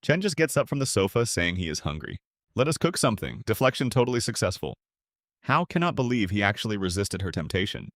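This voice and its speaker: A man narrating a comic story recap in a brisk, dramatic way with sarcastic asides. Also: lowish voice, very animated, fairly bright tone, no echo, clean studio sound.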